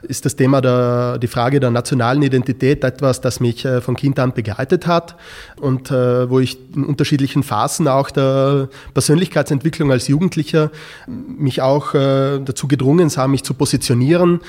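Guy, teacher being interviewed, lots of ums, pauses, normal mid voice. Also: medium pitch, steady tone, darkish tone. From South Tyrol. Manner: thoughtful, hesitant, many filler sounds. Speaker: teacher in a school project. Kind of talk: interview answers.

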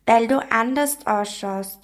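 A woman's voice: a little high, unhurried, lightly acted. A woman voicing a small boy who talks bluntly and mockingly in a radio story reading. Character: small blond boy, teasing and dismissive.

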